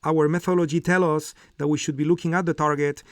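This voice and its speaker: A man's voice: fairly high pitch, flat delivery, quick pace, no room sound, clean studio sound. A middle-aged man hosting a live trading lesson, explaining step by step with frequent fillers and "okay?" check-ins. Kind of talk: live market commentary and teaching.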